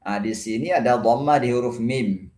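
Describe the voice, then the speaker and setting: A man's voice: mid-range voice, moderate pace, darkish tone. A man teaching Quran pronunciation with an Indonesian accent, explaining patiently and demonstrating letter sounds by repeating syllables. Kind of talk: religious lesson on pronunciation. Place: mosque hall. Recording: echoey mosque room.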